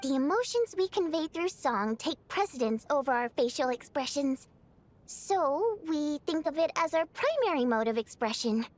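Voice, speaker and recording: A gentle young water imp in a video game, polite and earnest with a teasing edge. Her voice sits high and swoops lively through each line. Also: moderate pace.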